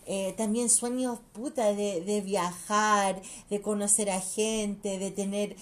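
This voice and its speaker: A woman's voice: mid-range voice, fairly even intonation, takes it slowly. A mother chatting casually and bluntly, swearing freely and switching between languages mid-sentence. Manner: blunt and profane. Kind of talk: casual chat.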